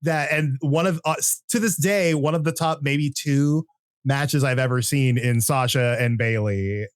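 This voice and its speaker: A man hosting a podcast who chats excitedly and stumbles over repeated words. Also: mid-range voice, measured pace, smooth, dry recording. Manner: excitable, stammering restarts. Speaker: podcast host. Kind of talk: casual podcast chat.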